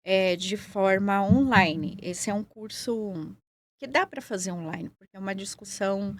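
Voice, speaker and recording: A woman with a São Paulo accent, answering interview questions in a measured, explanatory way. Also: medium pitch, a little hiss or hum. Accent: Paulista Brazilian Portuguese. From São Paulo, Brazil. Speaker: guest, acupuncturist and nurse.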